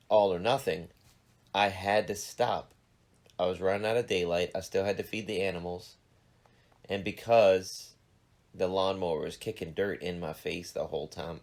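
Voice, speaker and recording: Vocal fry runs through this man's low voice as he hosts a laid-back podcast chat. He's in his forties, stuffed up and a bit nasal from allergies, and full of self-deprecating jokes.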